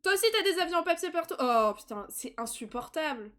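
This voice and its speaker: Playing a life-sim game on a live stream, this young woman keeps up chatty, casual commentary full of laughter and excited squeals. She has a high-pitched voice and talks fast.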